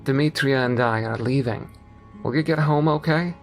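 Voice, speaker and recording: A man's voice: medium pitch, moderate pace, faint music behind, lightly acted. A man voicing a drunk young man who slurs his words slightly, in a horror story reading. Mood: slurred, casual. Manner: slightly slurred. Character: drunk young man, slurring, coolly dismissive.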